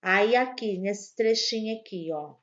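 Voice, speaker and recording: A woman teaching an online grammar lesson to young children, slow and patient, spelling out each word. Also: mid-range voice, lo-fi sound. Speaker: primary school teacher.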